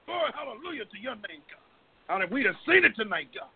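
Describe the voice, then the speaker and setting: A middle-aged man leading group prayer speaks fairly quickly in an extremely high, creaky voice marked by big swings in pitch. He pleads fervently and spontaneously, calling on God repeatedly. The audio is tinny and phone-like.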